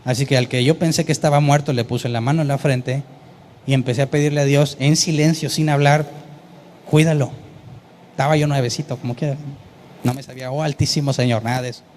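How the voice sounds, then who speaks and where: A man, preaching a sermon and telling a story with lively, acted-out voices. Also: mid-range voice, fast, a little hiss or hum. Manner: animated storytelling, acting out quoted voices. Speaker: pastor.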